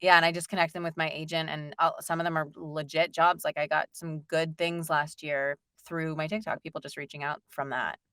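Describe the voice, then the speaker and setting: Chatty woman, low voice, dry sound. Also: little pitch movement, fairly quick, few pauses, sharp tone, no room sound. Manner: chatty, rambling, lots of fillers and laughs. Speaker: voice actor guest. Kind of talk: casual interview chat.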